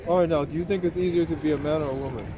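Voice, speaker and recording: Male street interviewer, slightly higher voice, brisk and informal, clear outdoor city noise behind. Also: steady tone. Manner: plain, informal questioning.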